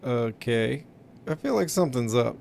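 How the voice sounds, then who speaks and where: A man's voice: medium pitch, expressive, moderate pace, gravelly, darkish tone, a little hiss or hum. A man giving casual live gameplay commentary, playful and muttering to himself with little sing-song asides. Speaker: game livestreamer.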